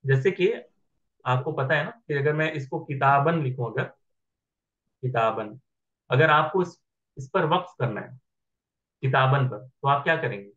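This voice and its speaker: A man's voice: medium pitch, normal speed, a bit bright. Patient male grammar teacher, lo-fi audio. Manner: patient, checks understanding with questions. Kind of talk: online class lecture.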